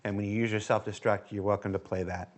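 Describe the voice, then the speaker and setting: A man's voice: lowish voice, flat delivery, fast, a little hiss or hum. A man hosting a casual panel chat, talking in a chatty way that stammers and repeats words. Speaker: livestream host.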